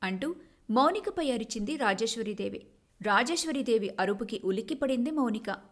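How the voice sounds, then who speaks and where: A woman narrates a family tale in an expressive storybook manner, her voice pitched a little high. The telling is scripted and steady. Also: normal speed.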